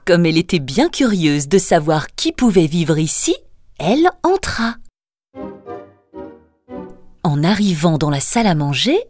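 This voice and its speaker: A woman reading a fairy tale aloud as a storyteller, slow and singsong. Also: mid-range voice. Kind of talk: scripted fairy-tale narration. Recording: narration over soft music.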